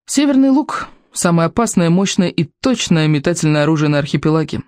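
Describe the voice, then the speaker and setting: A narrator reads a storybook in a steady, even way. The tone is mellow and dark, and the recording is dry and close with no room sound. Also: medium pitch, fairly quick, dry recording. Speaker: audiobook narrator. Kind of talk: scripted narration.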